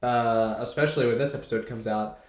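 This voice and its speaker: Speaking fairly quickly in a steady, medium-pitched voice, this young man co-hosts a podcast. He rambles in laid-back casual chat despite a congested nose, with the sound bouncing around an echoey room.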